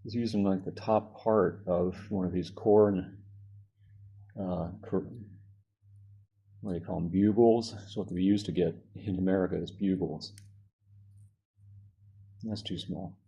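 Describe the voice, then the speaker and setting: A man's voice: low voice, level tone, normal speed, creaky, long pauses, dark tone, slightly rough, muffled recording. A man casually narrating a hot-glue craft project, rambling and correcting himself as he works. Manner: rambling, self-correcting, chuckles at own jokes. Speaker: craft vlogger.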